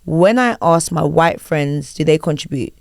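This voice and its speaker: A woman hosts a relaxed podcast conversation in a fairly low voice. She reads things out in a flat, formal manner. The sound is dry and close, with no room around it. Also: moderate pace, vocal fry, dry recording. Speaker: podcast host. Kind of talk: casual chat, reading lyrics and a letter aloud.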